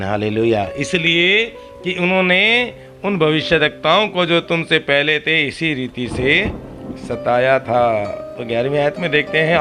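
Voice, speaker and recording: A male pastor giving a sermon, calling out hallelujah and amen and asking the congregation questions. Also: on the high side. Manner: preaching with frequent hallelujahs and amens, rhetorical questions. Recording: music clearly behind the voice.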